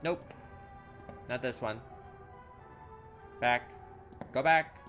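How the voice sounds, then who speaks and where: With soft music behind him, this let's play gamer speaks in a mid-range, slightly bright voice at a very slow pace. Playing a horror game, he reads its text aloud, mulls things over as he goes, gets lost, and mocks his own blunders.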